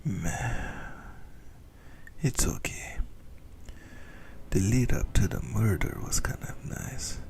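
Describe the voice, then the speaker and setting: Voicing a possessive, centuries-old vampire lover, a man whispers in an ASMR roleplay that is smugly menacing and intimate. His full character voice is deep and darkish in tone, with a breathy, gravelly delivery.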